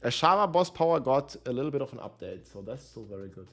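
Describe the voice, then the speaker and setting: Man on livestream headset audio, lively. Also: medium pitch, fast talker, faint music behind. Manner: thinks aloud, addresses chat directly. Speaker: game streamer. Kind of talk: casual livestream chat while planning builds.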